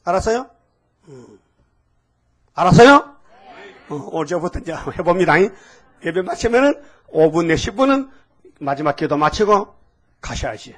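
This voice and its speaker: A man's voice: on the high side, very animated, moderate pace, pauses often. An older man with a preaching a folksy, scolding sermon and asking the congregation questions. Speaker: pastor.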